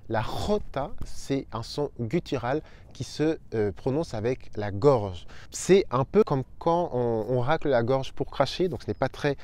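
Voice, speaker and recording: A young adult man giving an upbeat online language lesson, slowly spelling out sounds for his viewers. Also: medium pitch, a little mellow. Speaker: Spanish teacher.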